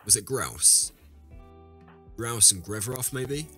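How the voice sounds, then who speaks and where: A let's play host, audibly ill and sounding deeper than usual, chats casually to viewers through a game, rambling and correcting himself. His medium-pitched voice is lively and sharp, and he takes things slowly. Faint music plays behind him.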